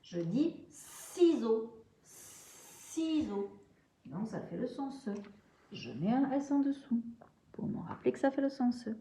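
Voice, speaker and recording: Patient teacher sounding out letters. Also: female voice, a little high, warm tone. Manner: patient, step-by-step, repeats sounds slowly. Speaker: primary school teacher. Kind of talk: remote reading and handwriting lesson.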